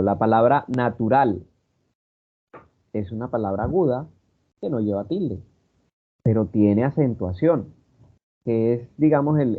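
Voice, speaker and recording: Man, Colombian Spanish accent, teacher, online class, many fillers, tinny phone-like sound. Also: mid-range voice. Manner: explanatory, with many fillers and tag questions. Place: online video meeting. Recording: tinny phone-like meeting audio.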